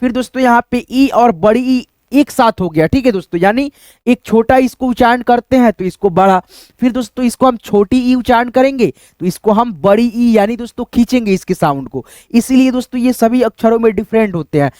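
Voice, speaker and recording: A male teacher giving a casual writing lesson, explaining slowly step by step and asking questions that he answers himself. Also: extremely high pitch, a little mellow, no room sound, clean studio sound. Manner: explains slowly and step by step, says "friends" often, asks then answers himself.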